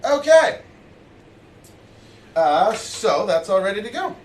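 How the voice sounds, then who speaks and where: Excitable high-voiced man cooking on stream. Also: slow pace, reverberant, far from the mic, noisy background. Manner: excitable and jokey, reads out chat messages. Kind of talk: casual live-stream chat while cooking. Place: basement home kitchen.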